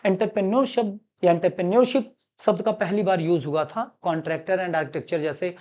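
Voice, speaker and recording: A male commerce teacher from Allahabad, India, delivers a classroom-style lecture in a high-sitting, darkish voice at ordinary speed. He repeats every point, addresses his students as "beta," and blends English terms into his explanations.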